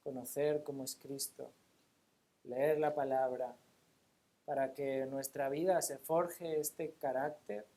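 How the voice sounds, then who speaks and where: A woman preaching a sermon in a church. She stresses points with rhetorical questions and reads scripture aloud slowly. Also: very deep voice, fairly even intonation, dark tone. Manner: emphatic, asks rhetorical questions and answers them.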